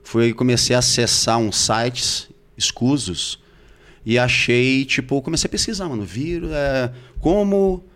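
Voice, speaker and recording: A man's voice: mid-range voice, a little slow, a bit bright. A man telling a personal story in casual slangy chat.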